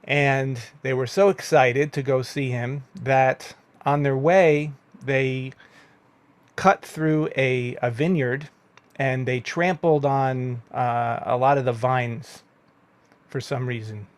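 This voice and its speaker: A man's voice: medium pitch, takes it slowly, no room sound. A man, a rabbi and meditation teacher, telling a teaching story in a conversational way, with asides and fillers. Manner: lively when voicing the story's characters.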